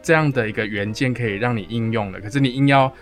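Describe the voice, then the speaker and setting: A man's voice: medium pitch, fast talker, soft background music. A Taiwanese-accented man co-hosting a casual podcast chat, his words slightly slurred by the braces he wears. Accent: Taiwanese Mandarin. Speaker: podcast co-host.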